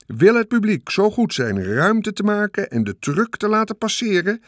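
A man voicing a pompous, grandiose male loudspeaker announcer at a country fair in an audiobook. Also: high-pitched, big pitch swings, normal speed, dry recording, clean studio sound, voice pushed up.

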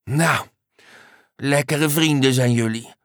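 A woman's voice: very deep voice, takes it slowly, dry recording, clean studio sound, pitched above the performer's own voice. A woman voicing a grumpy, irritable male rhinoceros in a children's story, blunt and grumbling. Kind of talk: storybook character voice.

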